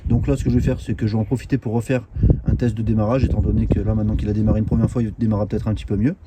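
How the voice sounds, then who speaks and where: Heavy background noise surrounds this man's lowish, level-toned, rapid-fire voice. He hosts a car channel and reviews a diagnostic tool in a hands-on explanatory demo, regularly using fillers and restarting words.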